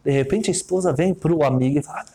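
A man with a Brazilian Portuguese accent telling a story in a sermon, animated and peppered with Hebrew terms. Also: fairly high pitch, fast, vocal fry. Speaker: religious speaker.

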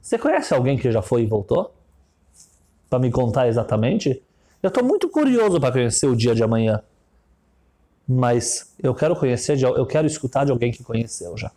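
A man voicing a smug, dishonest rich man who talks low and dismissive, scorning honesty. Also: sing-song, brisk, mellow. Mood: mocking.

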